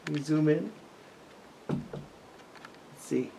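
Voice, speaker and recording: A fairly high-pitched, mellow male voice with vocal fry, speaking slowly. He's an American urban explorer vlogger in his forties, narrating a casual exploring vlog inside and behind a derelict abandoned house with wry, muttered asides to himself. It's noisy audio from a handheld camera mic.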